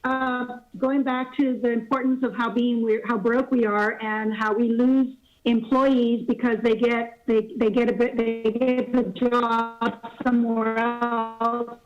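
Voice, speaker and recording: A woman with a somewhat high voice gives public comment over a remote call. Her line keeps breaking up and cutting in and out, and she halts and restarts her phrases. The audio is dull and lo-fi, with faint music behind her. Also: level tone, takes it slowly. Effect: choppy breaking-up call connection that cuts in and out. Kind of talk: public comment at a county meeting.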